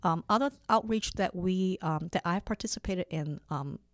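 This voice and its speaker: Interview guest: woman, 40s, from Hong Kong, lawyer; lowish voice, hesitant and full of fillers. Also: normal speed, no room sound. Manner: hesitant, many fillers and restarts. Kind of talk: conversational interview.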